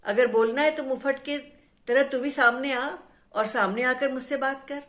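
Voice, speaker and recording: A woman doing a shouting, hot-tempered tree. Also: sits high, measured pace. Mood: angry. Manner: shouting threats in rhyme. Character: proud angry male tree, hot-tempered and boastful.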